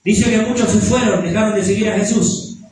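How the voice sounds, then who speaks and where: A man preaching a sermon as pastor, emphatic and repeating his key lines, swinging from loud to soft. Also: high-pitched, fairly even intonation, brisk, slight background noise. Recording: echoey hall from far off.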